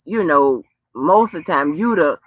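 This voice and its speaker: This American woman hosts with a low, slightly rough voice, unhurried but lively in intonation, with no echo. She rambles casually and profanely to viewers and on the phone, stretching out exclamations and using folksy terms of address. The sound is dull and lo-fi.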